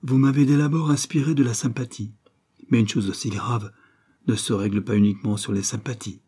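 A man reading the part of a kindly, cautious aristocratic grandmother in an audiobook of a novel, speaking in a gentle, measured way. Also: mid-range voice, steady tone, breathy edge, lightly acted. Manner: gentle, measured, mildly reproving.

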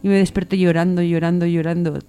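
A woman in her thirties telling a childhood dream in a lively, casual way, laughing and acting out the dialogue. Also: on the low side, fast, clear, resonant tone. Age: 30s. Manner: animated, laughing, acts out dialogue. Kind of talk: casual storytelling.

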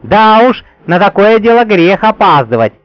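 A man's voice: sits high, big pitch swings, normal speed, no room sound, muffled recording, soft background music, pitched above the performer's own voice. Grumbling old witch Yaga, voiced by a man. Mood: bossy rallying. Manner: grumbling, folksy, old-fashioned speech. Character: grumbling old female witch, bossy and brisk.

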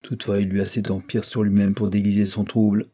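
A man reading a classic novel aloud as an audiobook narrator in a measured storytelling manner. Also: lowish voice, flat delivery, mellow. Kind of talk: scripted narration.

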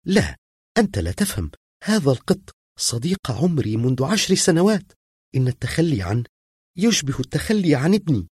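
A tearful, anxious young woman pleads in a raised, strained voice that leaps wildly up and down, as a man reading the story puts her on. The tone is husky and dry, and her worry keeps boiling over. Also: high-pitched, sing-song, brisk, a little mellow, dry recording, pitched above the performer's own voice, heavily acted. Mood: tense. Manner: pleading, rising to distraught outbursts. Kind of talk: audiobook reading.

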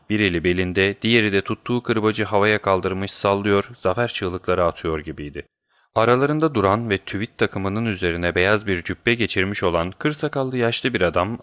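A man reading an audiobook aloud, with a very deep, low voice. His delivery is steady and measured, telling the story at an even pace. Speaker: audiobook narrator. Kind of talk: audiobook narration.

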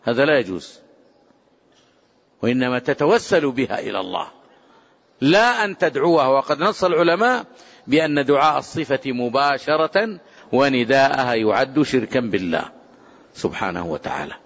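A man giving a religious lesson as a scholar, speaking emphatically and slowing down to quote prayers. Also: mid-range voice, big pitch swings, vocal fry. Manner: emphatic, rising to forceful exclamations; measured, drawn-out quoting of prayers. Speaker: Islamic scholar teaching. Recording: dull lo-fi sound with long hall reverb.

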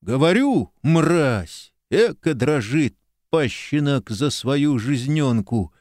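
A man voicing a furious older police chief in an audiobook, scolding slowly and angrily. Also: medium pitch, animated, a little mellow, no room sound, studio quality. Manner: slow, angry, scolding.

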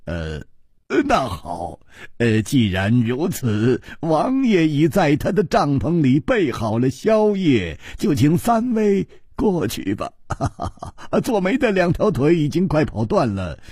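A man's voice: on the high side, wildly swooping pitch, slow pace, darkish tone, husky, no room sound, studio quality, exaggerated voice. A man doing a genial, chatty matchmaker. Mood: cheerful. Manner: polite and chatty, with filler sounds. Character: genial middle-aged matchmaker, busy and cheerful.

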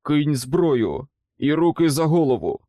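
A man voicing an aggressive male ex-soldier who shouts loud, commanding orders. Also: medium pitch, a little slow, no echo, studio quality, lightly acted. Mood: barking orders.

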